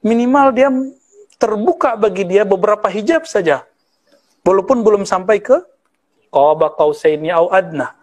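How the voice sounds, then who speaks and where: A man's voice: high-pitched, animated, normal speed, pauses often, darkish tone. A man in his thirties from West Sumatra, an Islamic preacher giving a conversational study lecture with Arabic terms and teasing asides. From West Sumatra, Indonesia. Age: 30s.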